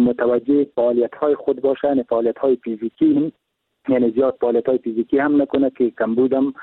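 A man's voice: medium pitch, no echo. A man with an Afghan Dari accent, a doctor giving medical advice on a radio show in a hesitant, advisory way over the phone. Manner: advisory, repetitive, hesitant fillers. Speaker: doctor guest. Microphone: telephone. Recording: tinny phone line.

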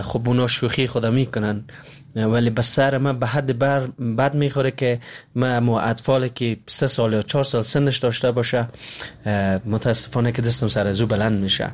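Troubled Afghan man calling a radio show. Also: mid-range voice. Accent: Afghan Dari. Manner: earnest, troubled, confessional. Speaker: caller.

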